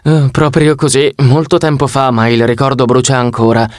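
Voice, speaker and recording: A man's voice: mid-range voice, flat delivery, moderate pace, no echo, clean studio sound, close to an everyday voice. A man voicing a vain, flashy young male god who talks in a theatrical, preening way and startles easily, for an audiobook. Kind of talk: audiobook character voice.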